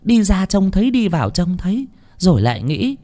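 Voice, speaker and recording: A man voicing a sharp-tongued older wife who grumbles and scolds in a hushed voice. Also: sits high, very animated, moderate pace, voice pushed up. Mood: scolding.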